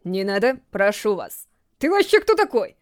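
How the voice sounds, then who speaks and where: Lady reading a soft polite young guy, calm and pleading. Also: medium pitch, moderate pace, natural voice.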